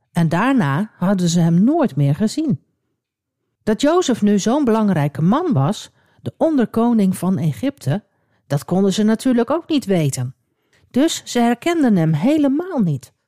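A woman telling a Bible story for children in a lively, expressive way, with small asides to the listener. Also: mid-range voice, measured pace, no echo, studio quality.

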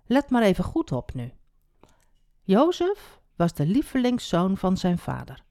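A woman telling a Bible story to children, expressive and speaking directly to the young listener. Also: medium pitch, a little slow, no room sound, studio quality.

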